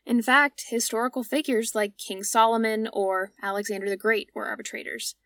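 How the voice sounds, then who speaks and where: A woman's voice: a little high, fairly even intonation, moderate pace, fairly bright tone, dry recording. A young woman narrates an explanatory podcast in a conversational, informal tone. The sound is very dry, as if in a small closet, and a little away from the mic. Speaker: podcast host. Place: small clothes closet at home, indoors. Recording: close, dry home closet recording, slightly distant.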